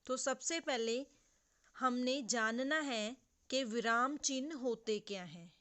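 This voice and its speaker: Bright, slow-talking woman teacher. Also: on the high side. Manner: slow, repetitive, asks pupils "clear?". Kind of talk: classroom grammar lesson.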